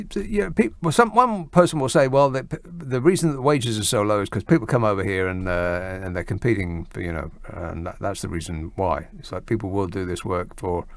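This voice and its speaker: Heard in a dry recording, this man's fairly low voice belongs to a late-night radio phone-in host at a studio mic. His manner is wry and musing, and he keeps drifting off and starting his sentences over.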